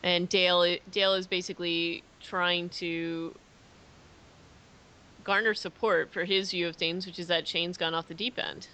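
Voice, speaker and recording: A woman's voice: on the low side, level tone, a little slow, pushed and bright, a little hiss or hum. A woman co-hosting a podcast, casually recapping episodes and agreeing often. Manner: agreeable, brief backchannels and easy recaps. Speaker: podcast co-host. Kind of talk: casual chat.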